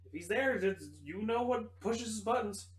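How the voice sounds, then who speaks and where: Very high-pitched man joking at game table. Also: normal speed. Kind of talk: casual joking table chat. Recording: echoey room.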